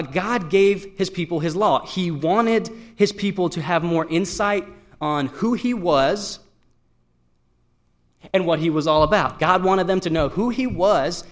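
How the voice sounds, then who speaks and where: A man's voice: sits high, a little slow. A young man from Iran giving a casual, self-deprecating devotional talk to a youth group, with frequent fillers and restarts. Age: young adult. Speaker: student speaker at a youth gathering.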